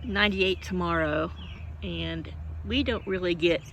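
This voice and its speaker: Older woman from Oklahoma, rambling garden vlogger, gravelly voice, outdoor mic with faint birds and traffic. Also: lowish voice, unhurried, a bit bright. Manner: meandering, homey, with frequent hiccups and yawns. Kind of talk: rambling casual chat.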